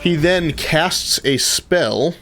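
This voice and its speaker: Male game master, casual and halting delivery, unhurried pace, very lively pitch, music clearly behind. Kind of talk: casual tabletop game narration.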